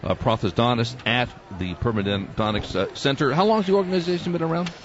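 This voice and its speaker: A man's voice: medium pitch, quick pace. A man hosting a live radio show, interviewing a guest in an upbeat manner. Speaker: radio host. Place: outdoor expo booth. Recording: dull lo-fi live broadcast.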